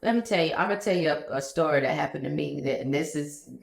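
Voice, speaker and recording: A woman in her thirties, a business owner telling stories in a relaxed, conversational interview chat. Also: deep voice, fast talker, vocal fry. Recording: echoey room.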